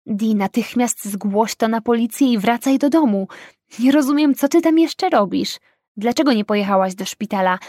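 A woman's voice: on the high side, moderate pace, darkish tone, no room sound, clean studio sound, natural voice. A woman voicing an alarmed young woman, an insistent and protective best friend, in audiobook dialogue. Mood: urgent. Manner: urgent, insistent.

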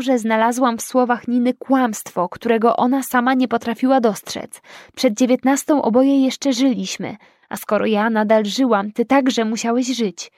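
A woman reading a first-person audiobook in a measured, dramatic delivery. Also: on the high side, darkish tone, no room sound, studio quality. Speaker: audiobook narrator.

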